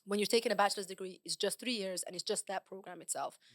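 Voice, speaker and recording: A woman tells stories as a podcast guest, lively and quick to laugh. Her voice sits at a middle pitch. The sound is close and dry, with no room echo. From England. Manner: lively anecdotal storytelling, often laughing. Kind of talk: casual podcast interview.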